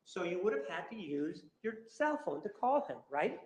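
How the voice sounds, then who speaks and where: A man's voice: sits high, big pitch swings, moderate pace. A man prosecuting at a trial, cross-examining a witness with pressing, repetitive, combative questions. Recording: echoey courtroom audio.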